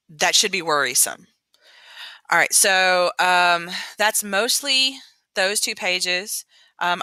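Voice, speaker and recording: Bright, crisp woman teacher. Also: fairly low pitch, no room sound. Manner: conversational, many ums and restarts. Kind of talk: casual literature lesson walkthrough. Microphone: computer mic, screen recording.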